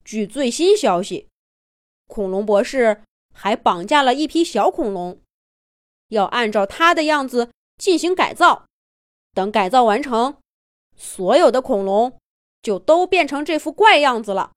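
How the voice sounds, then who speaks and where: A woman's voice: fairly high pitch, lively intonation, unhurried, no room sound, studio quality. A woman voicing a grave, commanding triceratops team captain who rallies his team solemnly in a children's audio story. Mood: grave, urgent. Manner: solemn, rallying.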